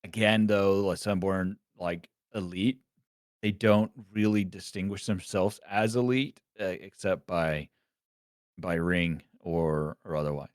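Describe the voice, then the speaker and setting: Very deep-voiced man running a tabletop game. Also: fairly even intonation, a little slow, clean tone, no echo, clean studio sound. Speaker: game master.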